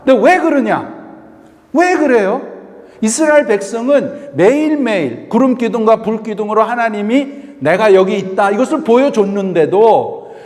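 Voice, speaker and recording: Male pastor preaching, a fairly high voice and long hall reverb; he asks rhetorical questions and slips into English. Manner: switches between Korean and English phrases; acts out prayers in a soft voice. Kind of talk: sermon. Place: church sanctuary.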